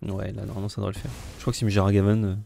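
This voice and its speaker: Low-voiced man muttering his game moves. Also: monotone, rapid-fire, gravelly, dark tone, slight background noise. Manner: thinks aloud, muttering moves. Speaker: player. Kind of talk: casual game commentary.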